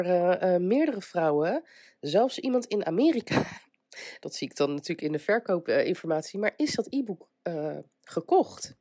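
A woman's voice: medium pitch, mellow, no echo, studio quality. A woman hosting a casual motivational podcast, chatty and hesitant. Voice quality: congested voice from a cold. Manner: chatty, hesitant, breaks into small laughs. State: getting over illness, stuffed up with a cold. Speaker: podcast host.

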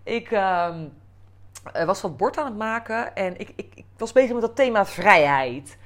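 Animated Dutch woman telling a story. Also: medium pitch, normal speed. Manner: animated, lively quoting with bursts of swearing. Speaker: podcast host. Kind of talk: personal storytelling.

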